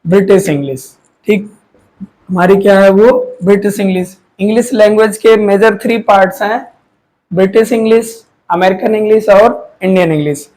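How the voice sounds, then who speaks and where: A man's voice: high-pitched, fairly even intonation, moderate pace, darkish tone, low-quality recording. A man teaching, who asks questions and answers them himself, often repeating key words. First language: Hindi. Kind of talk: classroom lecture.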